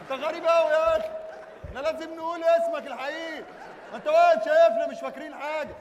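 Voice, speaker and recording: High-voiced, fast, pompous prince with an Egyptian accent, live stage comedy in an echoey hall with a crowd. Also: male voice, fairly even intonation, highs cut off, noisy background. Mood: exasperated. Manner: pompous mock-classical speech breaking into Egyptian street talk. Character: blustering self-important militant prince, adult man. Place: theater stage before a live audience. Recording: echoey theater hall with audience.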